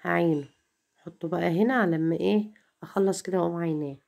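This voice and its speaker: A woman's voice: on the low side, fast talker, creaky, a little mellow. A middle-aged Egyptian woman chatting to viewers in a home vlog, complaining and repeating herself as she talks. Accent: Egyptian Arabic. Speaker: home vlogger.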